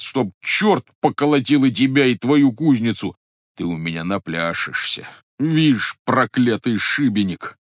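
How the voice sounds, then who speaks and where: A man's voice: fairly low pitch, fairly bright tone, dry recording, studio quality. A man doing a muttering, sly old Cossack. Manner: muttering to himself, grumbling.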